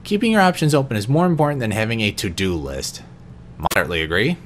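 A man with a low voice reads personality quiz questions aloud in an unscripted video, his pitch rising and falling a lot. He answers each one in a softer, lower tone, with the occasional stumble and restart. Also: animated, quick pace, a little hiss or hum. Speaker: vlogger.

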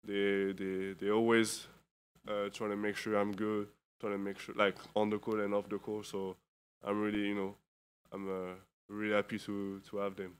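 A tired young man from Europe speaks into a table microphone in an indoor press room. His voice is lowish, clean and resonant, and it stays fairly level in pitch. He talks haltingly, with lots of fillers and restarts. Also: completely flat delivery, smooth. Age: 20s. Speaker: basketball player. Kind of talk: postgame press conference answers.

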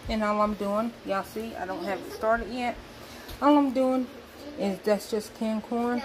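A woman's voice: a little high, fairly even intonation, measured pace. A Southern woman casually talking viewers through cooking dinner in her home kitchen, explaining each step as she goes. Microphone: handheld phone camera. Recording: noisy kitchen phone recording.

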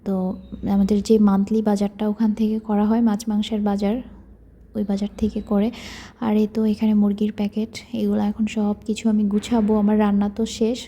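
A young woman from Bangladesh narrating her home cooking vlog in a casual, chatty way, keeping her voice soft so her child can sleep. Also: mid-range voice, monotone, moderate pace. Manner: chatty, leans on filler words. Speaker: cooking vlogger.

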